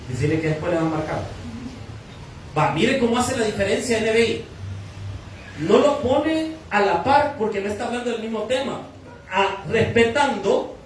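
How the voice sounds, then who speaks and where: In a church hall, a Salvadoran pastor with a Salvadoran Spanish accent preaches a sermon, teaching by posing questions and answering them himself. His voice sits high, and the recording is echoey and distant, with a little hiss or hum.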